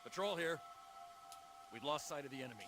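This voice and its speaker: An actor playing a male patrol soldier giving quick clipped reports over a crackly old field radio. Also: fairly high pitch, expressive. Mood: urgent.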